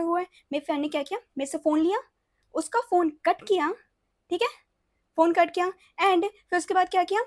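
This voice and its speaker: A woman's voice: extremely high pitch, dry recording, studio quality. A young woman in a casual storytime vlog who mixes English phrases into her Hindi, repeats words and keeps checking in with the listener. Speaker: storytime vlogger.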